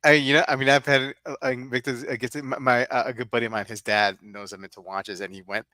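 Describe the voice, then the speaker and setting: Bright-voiced chatty man in his fifties. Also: mid-range voice, level tone, fast, dry recording. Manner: chatty, lots of fillers and tag questions. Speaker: livestream co-host. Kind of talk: casual chat.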